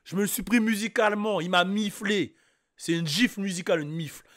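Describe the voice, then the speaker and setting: A man hosting a casual reaction show, talking loudly and excitably with sudden shouted bursts. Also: sits high, a little fast. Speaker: host reacting to a music track.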